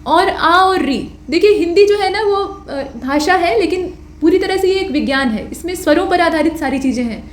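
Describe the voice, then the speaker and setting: High-voiced woman teaching grammar. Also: expressive, moderate pace, hardly any pauses, roomy sound. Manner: patient, explanatory, asks and answers her own questions. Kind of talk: exam-prep grammar lecture.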